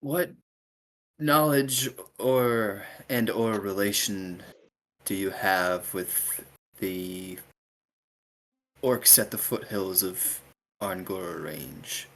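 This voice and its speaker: A man's voice: fairly low pitch, extremely slow, fairly bright tone, a little hiss or hum. A man voicing a courteous male adventurer who speaks in a formal, deferential way. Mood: polite.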